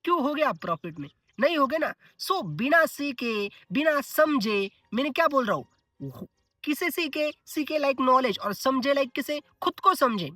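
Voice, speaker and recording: A man's voice: extremely high pitch, animated, unhurried, pushed and bright, no echo. A man vlogging about his trading in a casual, chatty way, mixing in English words and asking himself rhetorical questions. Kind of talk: casual vlog talk to camera. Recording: voice a bit distant from the mic, faint music.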